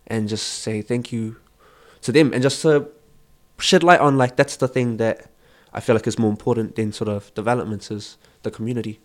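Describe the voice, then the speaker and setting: A young man with a New Zealand accent, a choreographer talking in a relaxed, reflective way in an interview. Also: mid-range voice, moderate pace.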